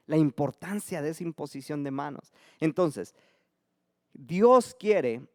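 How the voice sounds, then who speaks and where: A man preaching a sermon as pastor, swinging between loud emphatic calls and soft, dropped lines. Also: fairly high pitch, no echo, studio quality.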